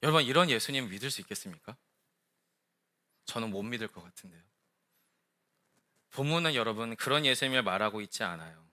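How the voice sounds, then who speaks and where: A male pastor preaching a lively Sunday sermon, acting out the quoted voices as he tells the story. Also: mid-range voice, brisk, long pauses.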